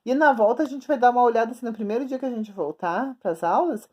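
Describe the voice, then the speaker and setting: A woman schoolteacher giving a remote grammar lesson for children, patiently repeating and slowly stretching out words for young pupils. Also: a little high, a little mellow. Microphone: recording at a screen, writing on the board while talking.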